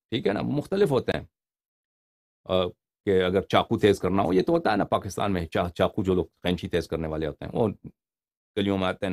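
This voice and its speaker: Gravelly-voiced man preaching, lively delivery. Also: medium pitch. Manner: explains Arabic hadith in Urdu, animated, rhetorical questions. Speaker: religious preacher. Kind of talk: informal religious lecture.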